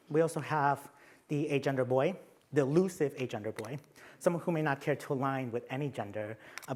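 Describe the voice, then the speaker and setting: A young adult man from Mexico, speaking with a Mexican accent, gives a conference talk with slides, tossing in playful, self-deprecating asides. His voice is a little high and a little mellow.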